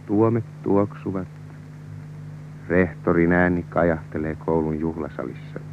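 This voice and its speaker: A man's voice: sits low, music in the background. An actor playing a young man wryly narrating his own story. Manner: wry, reflective narration. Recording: tinny old radio recording with hiss.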